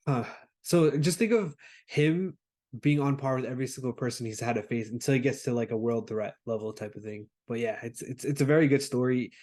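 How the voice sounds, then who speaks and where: A man's voice: medium pitch, a little mellow. A man co-hosting a podcast, talking casually about anime with lots of fillers and restarts. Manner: laid-back, filler-heavy, explains plots with many "like"s. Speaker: podcast co-host.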